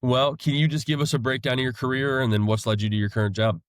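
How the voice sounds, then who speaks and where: A man's voice: medium pitch, fairly even intonation, quick pace, clean tone, dry recording. Chatty american guy hosting a podcast, southern-northern mix accent, dry close mic, pretty stoked. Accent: American, mixed Southern and Northern. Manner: upbeat, enthusiastic. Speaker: podcast host. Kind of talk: podcast interview.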